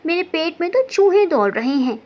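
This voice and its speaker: A woman's voice: very high voice, sing-song, moderate pace. A woman doing a mischievous young daughter. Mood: playful. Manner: playful, coaxing. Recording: dull lo-fi recording.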